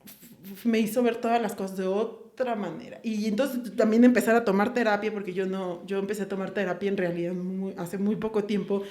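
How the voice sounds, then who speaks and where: A woman's voice: mid-range voice, fairly even intonation, a little fast, dark tone. A young woman with a Mexican Spanish accent, talking candidly and personally as a podcast host, quoting her own thoughts with many fillers. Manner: candid, confessional, lots of fillers and quoted inner speech. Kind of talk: casual conversation. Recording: echoey room.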